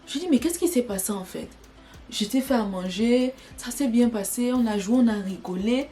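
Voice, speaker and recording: A young woman telling a personal story in an animated, dramatic way for her vlog. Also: a little high, moderate pace, soft background music. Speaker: vlogger.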